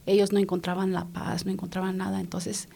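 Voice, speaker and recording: A woman from Los Angeles giving her personal testimony in an interview, speaking haltingly, repeating words and slipping in English phrases. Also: medium pitch, flat delivery, gravelly, mellow, slightly rough. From Los Angeles, California.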